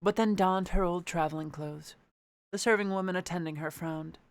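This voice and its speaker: A man's voice: sits high, normal speed. A man reading a storybook aloud and chatting casually, with a playful, sweary manner. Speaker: amateur book reader. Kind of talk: casual chat and storybook narration.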